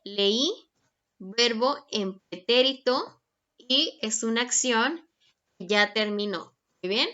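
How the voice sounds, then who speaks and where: Young lady teaching grammar real slow, keeps asking ok?, muffled lo-fi audio. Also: fairly high pitch, animated, sharp tone. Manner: patient, checks in with frequent "ok?" and "¿sí?". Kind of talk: recorded grammar lesson. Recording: dull lo-fi recording.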